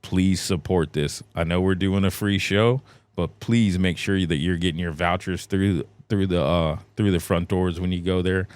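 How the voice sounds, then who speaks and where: A man in his forties guest-hosting a podcast, talking in a relaxed, rambling way with lots of fillers. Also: sits low, normal speed, no room sound. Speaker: guest host. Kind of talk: casual podcast chat.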